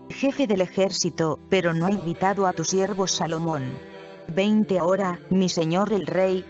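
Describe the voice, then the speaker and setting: Scripture reader, measured and steady, announces verse numbers, slightly muffled audio with soft music bed. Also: mid-range voice. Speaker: Bible reader. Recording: dull recording with faint music behind.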